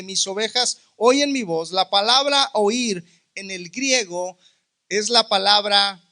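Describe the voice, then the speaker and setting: A man preaching a sermon as a pastor, teaching with rhetorical questions and drawing out key words slowly. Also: high-pitched, bright, forceful tone. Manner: asks the listeners rhetorical questions.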